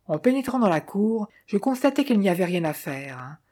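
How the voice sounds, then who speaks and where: A reader voicing a weary middle-aged male drifter who calmly tells what he saw, in an audiobook. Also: mid-range voice. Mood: recounting. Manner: calm, measured storytelling in the first person. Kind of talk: audiobook reading of a character.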